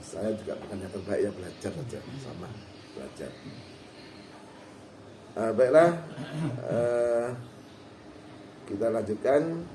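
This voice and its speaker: A man teaching Quran recitation in a relaxed, folksy way, now and then acting out short quotes. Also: on the low side, slow pace, long pauses. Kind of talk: informal religious lesson. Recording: roomy hall with faint background noise.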